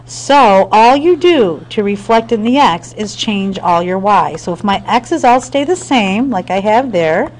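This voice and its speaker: A woman's voice: medium pitch, animated, a little slow, few pauses, a little hiss or hum, rough recording. Woman math teacher, patient and methodical, speaks straight to her students, mid-range voice. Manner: patient step-by-step explaining with frequent check-ins; talks to students directly. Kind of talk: screen-recorded math lesson.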